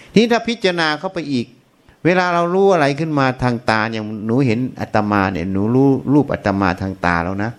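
A man, a Buddhist monk, giving a Dharma talk, patiently explaining and asking questions that he often answers himself. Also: mid-range voice.

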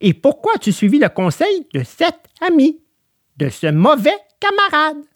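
A woman voicing a gentle, wise little female marmot who consoles with sighs. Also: high voice, huge pitch swings, moderate pace, dry recording, clean studio sound. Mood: consoling. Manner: consoling, sighing. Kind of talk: storybook drama.

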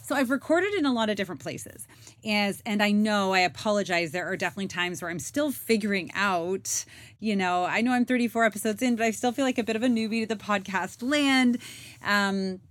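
A woman's voice: medium pitch, fairly quick, no echo, studio quality. A woman in her forties hosting a podcast, chatting casually with lots of fillers while recording inside a closet. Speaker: podcast host. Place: inside a small clothes closet.

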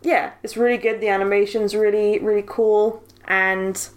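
A woman's voice: medium pitch, flat delivery, normal speed. A British woman co-hosting a podcast in casual chat, joking and often laughing. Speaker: podcast co-host.

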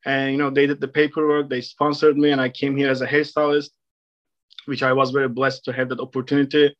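A Turkish man in his thirties, speaking with a Turkish accent, appears as a hairstylist guest in a casual interview chat. His voice is on the high side with a fairly bright tone, though the recording cuts off the highs. He comes across confident and self-assured, yet halting, restarting his sentences often.

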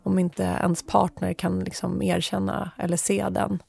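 A woman's voice: fairly low pitch, level tone, creaky, dark tone, slightly rough, dry recording. A woman speaking as a guest in an interview, direct and frank. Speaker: guest expert. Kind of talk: conversational interview.

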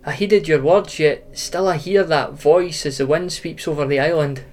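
A man's voice: fairly high pitch, normal speed, darkish tone, lightly acted. A man playing a feverish haunted young man. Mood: tormented. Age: young adult. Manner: urgent, tormented pleading.

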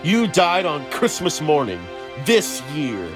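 A man's voice: a little high, sing-song, takes it slowly, music in the background, voice pushed down. Man voicing a reproachful spirit. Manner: reproachful, solemn. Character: grave, reproachful male spirit.

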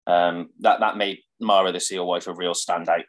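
A man's voice: low-pitched, flat delivery, normal speed, poor audio. A man chatting casually about films he loved, enthusiastic and full of 'sort of' and 'like'. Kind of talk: casual chat.

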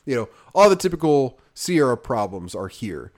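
A man's voice: medium pitch, very animated, normal speed. A man co-hosting a podcast, chatting casually about video games in a loose, rambling way full of fillers that often trails off. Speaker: podcast co-host.

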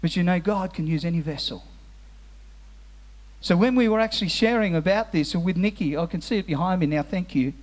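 A man preaching a sermon in a church hall, earnest and restarting his phrases, slowing and softening on solemn lines. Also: high-pitched. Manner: drops to slow, soft tones on solemn phrases. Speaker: pastor. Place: church hall with musicians present.

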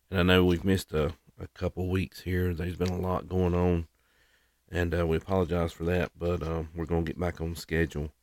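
Deep-voiced man hosting a devotional podcast. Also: a little mellow, no room sound, clean studio sound. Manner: plain, homespun delivery with fillers and small restarts. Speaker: podcast host and lay preacher to firefighters. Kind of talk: devotional talk and scripture reading.

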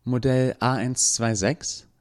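A man's voice: mid-range voice, fairly even intonation, takes it slowly, a little mellow, pitched above the performer's own voice, lightly acted. A man voicing a brusque, sarcastic woman professor who speaks in a clipped, commanding way.

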